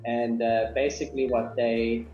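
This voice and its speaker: A South African man in his thirties answers interview questions over a video call, relaxed and hesitant with many ums. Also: mid-range voice, unhurried, faint music behind. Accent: South African English. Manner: relaxed, with frequent ums and uhs. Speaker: guest, business founder. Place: small home office indoors. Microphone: webcam on a video call. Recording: dull, roomy video call audio.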